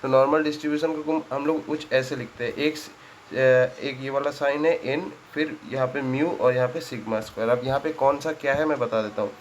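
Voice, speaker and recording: A man's voice: medium pitch, fairly even intonation, a little fast, poor audio. A man teaching a statistics lesson, working sums aloud and checking in with his students after nearly every step. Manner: conversational, checks in often with "ठीक है?", works sums aloud. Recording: faint background noise.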